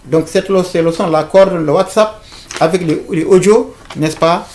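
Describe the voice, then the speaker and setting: Hesitant male teacher explaining slowly. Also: high-pitched, darkish tone, a little hiss or hum. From Africa. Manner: hesitant, many fillers and restarts, repeats words. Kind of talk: informal video lesson.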